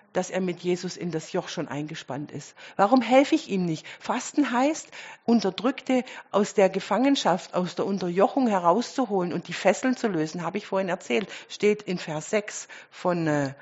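A woman preaching a sermon, speaking straight to her congregation with rhetorical questions and moving between loud emphasis and quiet asides. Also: mid-range voice, expressive, normal speed, breathy edge, muffled recording.

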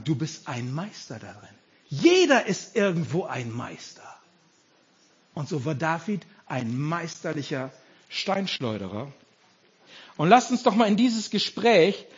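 A male pastor preaches with great animation, his fairly high voice rising and falling widely as he speaks directly to his congregation. His tone is husky and breathy, and the recording is dull and muffled. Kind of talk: sermon.

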